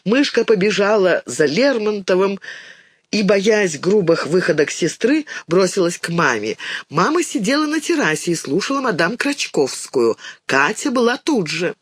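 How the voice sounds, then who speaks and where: Lively, expressive storybook reader. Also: medium pitch, moderate pace, husky, no room sound. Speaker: audiobook reader. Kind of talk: scripted storybook narration.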